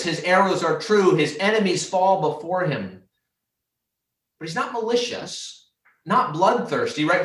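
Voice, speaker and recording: A man's voice: fairly high pitch, a bit bright, far from the mic. Man preaching in an echoey room. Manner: earnest preaching, rising on quoted scripture. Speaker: pastor. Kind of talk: sermon.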